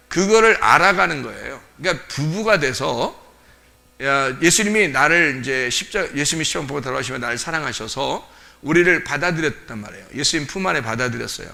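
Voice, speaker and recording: Male pastor, sermon: gravelly, bright, jokes often, animated. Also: fairly high pitch. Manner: colloquial, joking, laughs often; lively, animated delivery.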